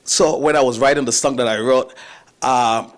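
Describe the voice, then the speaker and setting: A Nigerian musician and actor chats in a casual interview, relaxed and chuckling. His mid-range voice moves at a moderate pace, full of fillers and restarts.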